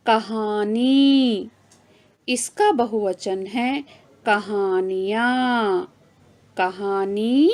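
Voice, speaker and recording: A woman's voice: fairly high pitch, a little mellow. A woman teaching children a Hindi grammar lesson, drawing out each example word, repeating it, and asking the class questions she then answers herself. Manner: mixes in English words to explain terms.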